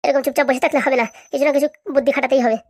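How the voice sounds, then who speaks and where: A woman voicing a bitter, quarrelsome young woman in a comic cartoon, given to loud cursing rants. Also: high-pitched, fairly even intonation, rapid-fire, no room sound, clean studio sound. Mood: ranting. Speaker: cartoon voice actor.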